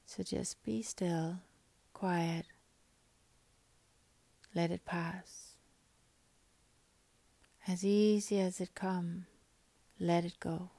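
A woman guiding a meditation in a soft, breathy, half-whispered, calming voice, speaking in short phrases with long pauses. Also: fairly low pitch, dry recording. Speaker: meditation guide. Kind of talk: guided meditation.

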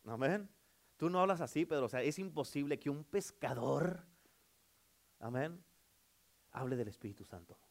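A man, a pastor preaching a sermon, calling out amen often and swinging between loud declarations and hushed passages. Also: on the high side, lively intonation, normal speed, vocal fry, pauses often.

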